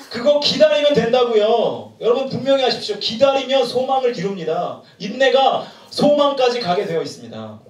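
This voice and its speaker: A male pastor preaching a sermon at a retreat, animated and joking, throwing questions to the crowd. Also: very high voice. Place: large room at a retreat. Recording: echoey room from far off.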